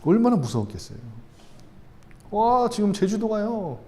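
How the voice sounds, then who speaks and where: A man's voice: sits high, big pitch swings, normal speed, mellow. A man preaching a sermon as a pastor in a church, emphatic and conversational, with sudden rises in intensity.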